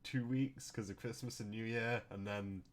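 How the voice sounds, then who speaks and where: A man co-hosting a game let's play, talking in a halting way and chuckling often. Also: fairly low pitch, fairly even intonation. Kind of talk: casual chat.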